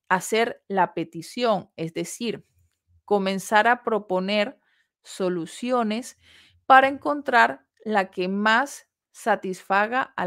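Woman teaching a measured lecture. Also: medium pitch. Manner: measured, explanatory, with pauses and rhetorical questions. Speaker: course instructor. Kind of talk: recorded lecture on customer service.

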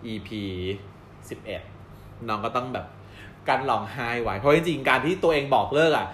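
A man co-hosting a casual chat, recapping episodes in a lively, storytelling way and laughing often. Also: mid-range voice, moderate pace, slight background noise. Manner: animated storyteller, acts out quoted dialogue and laughs often. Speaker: co-host reviewing a drama series. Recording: roomy with faint background ambience.

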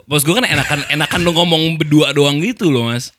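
A man's voice: a little high, brisk, a bit bright. A man chatting as a podcast guest, explaining his views at an easy pace. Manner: easygoing, explains at length with small laughs. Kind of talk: casual podcast chat.

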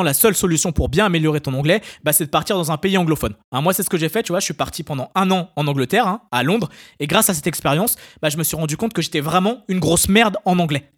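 A French man hosting a comedy podcast, sarcastic and full of asides. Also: a little high. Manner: sarcastic, rapid, peppered with hein and tu vois. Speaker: podcast host. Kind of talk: scripted comedy monologue.

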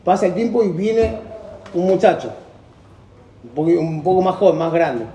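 A man's voice: sits high, animated, normal speed, mellow, slight background noise. A man with a Rioplatense accent, earnestly telling a personal story in a group talk and often restarting his sentences. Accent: Rioplatense Spanish. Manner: earnest, rambling, many restarts. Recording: echoey room with faint ambience.

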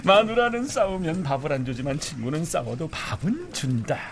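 A blustering, lively middle-aged dad. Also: male voice, on the high side, vocal fry, a crowd in the background. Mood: joking. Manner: boastful, grumbling, quick to shout. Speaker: father. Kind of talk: radio drama acting.

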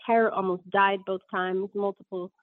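A woman in her 30s, appearing as an interview guest, speaks at a medium pitch and normal speed with a flat delivery. She tells stories in a rambling way, full of ums and self-corrections, and laughs often. The line sounds tinny and dry, with no echo.

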